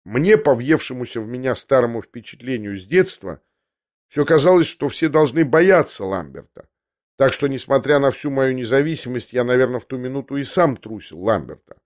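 A man narrating a literary novel in a measured storytelling voice. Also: medium pitch, animated, a little mellow. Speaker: audiobook narrator.

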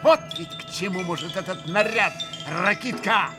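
Fiery hysterical young woman, a guy voicing her in an audiobook, high and swinging all over. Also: lively intonation, takes it slowly, over music. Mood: fierce, defiant. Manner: fierce, sobbing outbursts. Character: passionate, volatile young woman, proud and hysterical.

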